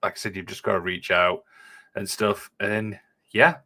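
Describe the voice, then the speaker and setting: A man's voice: lowish voice, level tone, moderate pace, bright, forceful tone. A man hosting a casual wrestling podcast chat, often saying "obviously" and "and stuff like that". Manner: says "obviously" and "and stuff like that" a lot. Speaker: podcast host.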